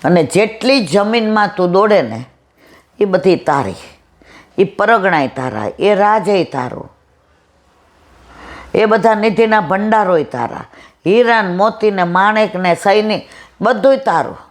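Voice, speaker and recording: A devotional satsang speaker tells parable-style stories. The speaker acts out the characters with jumps in pitch and slows to a drawl for each moral. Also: animated. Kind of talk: devotional storytelling talk.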